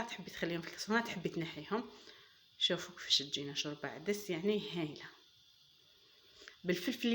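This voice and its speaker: A woman with an Algerian Arabic accent hosting a cooking channel, chatty and enthusiastic, talking viewers through a recipe as she works. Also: mid-range voice. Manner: chatty, addresses viewers as girls, enthusiastic praise. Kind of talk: casual cooking demonstration.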